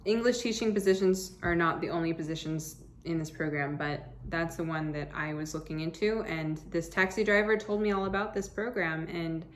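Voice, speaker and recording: An American woman in her thirties, from Arizona, chats to camera about life abroad. Her voice sits a little low, and she rambles upbeat with frequent restarts. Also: steady tone, moderate pace, few pauses, a little hiss or hum. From United States (Arizona). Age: 30s. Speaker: travel vlogger. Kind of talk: casual talk to camera. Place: indoors, seated in a chair.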